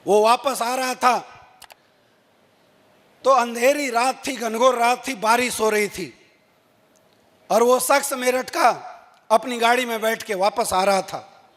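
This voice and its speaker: A man's voice: very high voice, slow pace, long pauses. A man giving a motivational stage speech, telling a story and acting out its dialogue. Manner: animated storyteller who acts out dialogue. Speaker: motivational speaker. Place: large event hall. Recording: long hall reverb.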